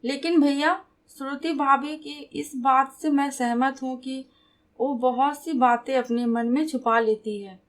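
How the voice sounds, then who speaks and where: A woman's voice: high-pitched, fairly even intonation, unhurried. A woman voicing a teasing young man about to marry, playful and joking.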